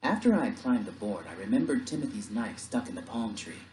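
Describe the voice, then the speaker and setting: Warm, expressive male audiobook narrator. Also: on the low side, brisk, echoey room, slight background noise, rough recording. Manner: expressive, dramatic reading.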